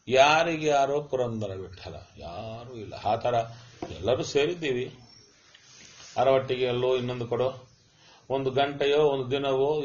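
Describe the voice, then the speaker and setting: A middle-aged man giving a spiritual discourse, chanting verses and asking and answering his own questions as he tells a story. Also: medium pitch. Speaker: religious discourse speaker. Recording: dull lo-fi recording.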